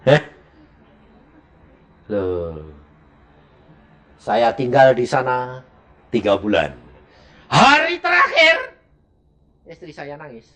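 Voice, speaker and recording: A middle-aged male evangelist, preaching a sermon as a lively story and acting out the dialogue. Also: slow, pauses often. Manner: animated, acts out dialogue with sharp pitch jumps.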